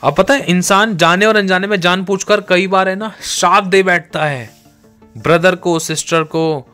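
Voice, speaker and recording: Emphatic male preacher over soft music. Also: sits high, steady tone, measured pace. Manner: repetitive, emphatic, addresses listeners directly. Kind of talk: sermon.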